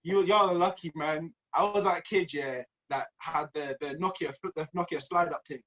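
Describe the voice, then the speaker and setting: Young co-host, rapid slangy chat, slightly raised voice, dull lo-fi sound. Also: male voice, on the high side, fairly even intonation, fairly bright tone. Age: 20s. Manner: fast slangy banter. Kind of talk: casual chat.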